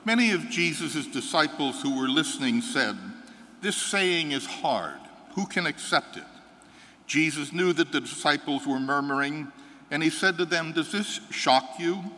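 An older American priest reading the gospel and then preaching a homily in an earnest, measured way that builds to firm conviction. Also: male voice, fairly high pitch, animated, sharp tone. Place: large church sanctuary, seated before an altar. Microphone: fixed microphone at the altar. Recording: church reverb from the hall.

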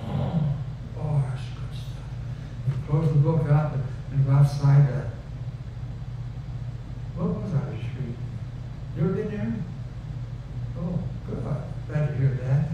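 An older pastor preaches from the pulpit of a wood-paneled church stage in a folksy, conversational manner, repeating phrases for emphasis before leading a prayer. His voice is a little high and unhurried, with frequent pauses. Captured on a headset mic, the audio is echoey, distant, dull and noisy.

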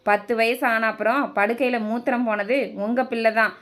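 A woman voicing a protective young mother who scolds her mother-in-law with sharp retorts. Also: on the high side, steady tone, moderate pace, lightly acted. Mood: scolding.

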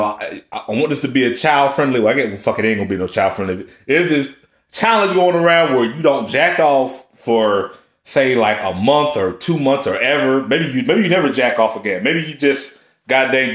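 A man's voice: mid-range voice, echoey room. A young man talking to camera in a casual fitness vlog, joking and swearing as he goes and breaking into laughter often. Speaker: fitness vlogger.

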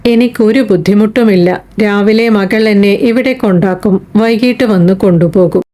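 A woman reading an audiobook voices a quiet, self-reliant blind woman weaver who answers in short, plain replies. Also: mid-range voice, normal speed, lightly acted.

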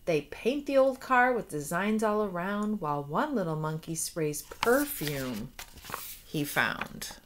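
An American woman in her forties reads a children's picture book aloud with expression, adding asides and questions for young listeners. Her voice is lowish, sing-song and slow. She's in a small room at home.

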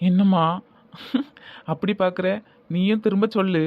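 A man's voice: high-pitched, steady tone, normal speed, narrow, tinny audio, lightly acted. A man voicing an earnest, eager young groom who coaxes and repeats small requests, with a Tirunelveli accent, for a comedy cartoon. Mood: coaxing. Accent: Tirunelveli Tamil. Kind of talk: cartoon voice acting.

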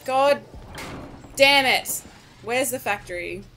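A woman's voice: a little high, lively intonation, takes it slowly, music in the background. A woman giving casual commentary over her own gameplay, nervous, swearing and pleading with the game. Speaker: gaming YouTuber.

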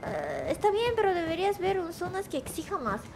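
Excitable high-voiced woman streamer. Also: fairly quick, vocal fry, noisy background. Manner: excitable, shrieks when startled; mixes in Japanese and English phrases. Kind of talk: casual live-stream chat.

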